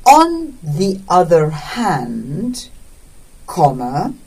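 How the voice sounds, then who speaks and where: A woman teacher reading a text aloud as a dictation in deliberate short phrases, speaking the punctuation. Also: on the low side, huge pitch swings, darkish tone, breathy edge, recorded from a distance.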